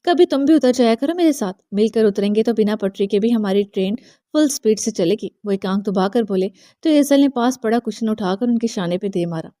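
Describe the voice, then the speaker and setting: A woman's voice: medium pitch, mellow, no echo, clean studio sound. A woman narrating a romance novel aloud, reading every character's dialogue herself with light voicing. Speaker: audiobook narrator.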